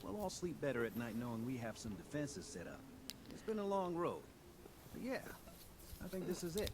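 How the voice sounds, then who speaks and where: A man's voice: a little high, sing-song, normal speed, noisy background. An actor playing an earnest male settlement leader in a video game, speaking with sincere thanks. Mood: grateful. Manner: sincere, warm-hearted thanks.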